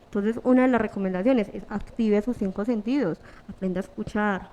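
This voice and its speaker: Woman clinician, warm low-key tone, patient step-by-step explainer. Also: brisk, highs cut off, slight background noise. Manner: calm, instructive, lists numbered steps. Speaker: hospital psychologist. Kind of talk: explanatory interview answers.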